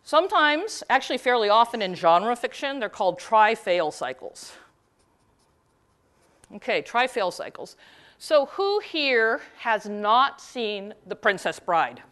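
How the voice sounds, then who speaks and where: A woman giving a conference talk, retelling a story with quick, animated asides. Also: a little high. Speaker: conference speaker; teacher.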